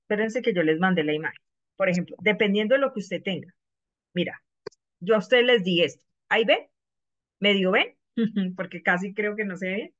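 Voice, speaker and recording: A woman's voice: mid-range voice, normal speed, pauses often, dull audio. A woman teaching math in an online class, patiently explaining and asking her students questions over and over.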